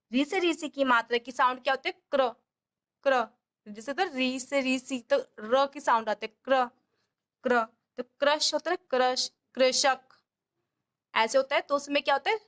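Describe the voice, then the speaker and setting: High-voiced woman teaching vowel signs. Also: fairly bright tone. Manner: patient, repeats sounds slowly and drawn out. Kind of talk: explaining a lesson to parents.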